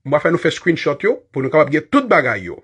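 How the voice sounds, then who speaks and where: A man's voice: fairly high pitch, huge pitch swings, fast talker, a bit bright, breathy edge. A man with a Haitian accent teaching English body-part words in a casual lesson, chatty, laughing often and spelling words out letter by letter.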